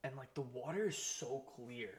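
A man's voice: medium pitch, moderate pace. A man in his twenties co-hosting a casual podcast, laid-back, swearing often and drawing out words for emphasis. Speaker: podcast co-host. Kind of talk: casual chat.

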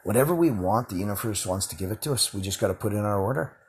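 A low-voiced man talking alone on his podcast, with a husky, slightly rough tone. He rambles freely, curses in nearly every sentence and lets out short chuckles between his ums and you-knows. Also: animated, fast talker. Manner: rambling, heavy swearing, frequent fillers and chuckles. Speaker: podcast host. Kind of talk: casual solo monologue.

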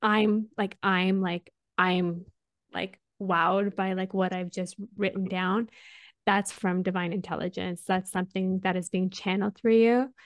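A woman talks in an animated, casual way, with frequent laughs and a habit of tagging "right?" onto her points. Her voice sits at an ordinary middle pitch. The recording is dry and close, with no room sound. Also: a little slow, no room sound. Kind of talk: casual conversation.

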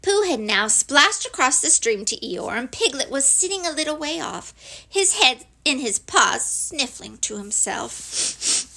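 A woman reading a storybook aloud in a gentle, expressive way. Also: high-pitched, a little slow, creaky.

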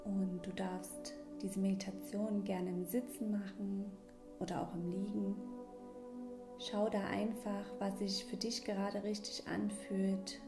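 A woman guiding a meditation in a soft, breathy near-whisper, gently and soothingly, with long pauses. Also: mid-range voice, level tone. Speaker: meditation guide and podcast host. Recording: roomy echo, ambient music bed. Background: slow ambient new-age music.

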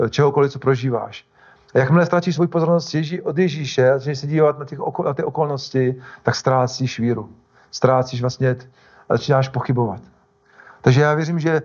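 A man's voice: mid-range voice, dull audio. A male pastor preaching a sermon in a conversational way, often stopping to restart and correct himself.

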